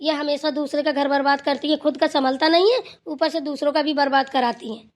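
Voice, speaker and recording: A woman's voice: high-pitched, steady tone, a little fast, natural voice. A woman voicing a stern, wise old grandmother in a cartoon who scolds and lectures the family. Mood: lecturing. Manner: scolding, then lecturing with advice. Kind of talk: cartoon voice acting.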